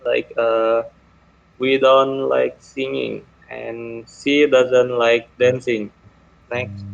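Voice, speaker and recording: A young man from Indonesia, a student giving a halting class presentation on English grammar, repeating words and clearing his throat. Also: mid-range voice, little pitch movement. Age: young adult. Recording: dull lo-fi recording.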